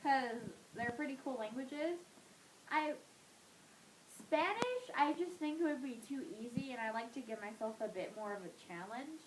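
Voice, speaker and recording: With noise in the background, a teen girl speaks at normal speed in a high voice with lively intonation. She handles the interview casually and chattily, packing in fillers and drifting off as she finishes her thoughts.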